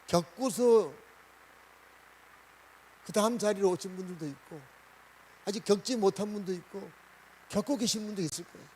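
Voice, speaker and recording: A man preaching a Sunday sermon as pastor, asking the congregation questions and swinging between loud and soft. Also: sits high, moderate pace, pauses often, slight background noise, low-quality recording.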